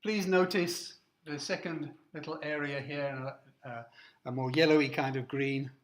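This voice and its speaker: An English university lecturer with a fairly high, fairly even voice speaks unhurriedly in a classroom, explaining step by step. His plain explanations are peppered with "uh" and checks of "okay?", picked up by a distant microphone in an echoey room.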